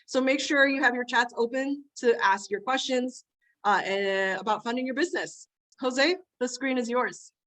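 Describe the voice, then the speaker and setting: A woman's voice: fairly high pitch, moderate pace, fairly bright tone. A woman hosting a webinar, reading welcoming announcements and introducing the guest from a script. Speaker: webinar host, project manager. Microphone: video call mic.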